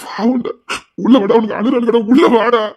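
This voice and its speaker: A man's voice: extremely high pitch, fairly even intonation, normal speed, a little mellow, dull audio. An actor playing an anguished man who keeps begging someone to come inside, in melodramatic acting with a Tirunelveli Tamil accent. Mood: pleading. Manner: pleading, repeatedly calling out. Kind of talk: melodramatic web-series acting.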